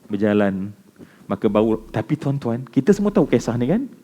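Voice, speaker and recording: A man with a Malaysian Malay accent preaching at a mosque, telling a story that swings between loud exclamations and hushed, slow recitation. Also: medium pitch, sing-song, a little hiss or hum. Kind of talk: mosque lecture.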